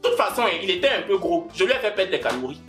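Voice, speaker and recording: A man's voice: sits high, big pitch swings, quick pace, fairly bright tone. A young man in his twenties from Ivory Coast, with an Ivorian French accent, telling a theatrical, slang-laced comic story. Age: 20s. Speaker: comedian. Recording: roomy echo with faint music.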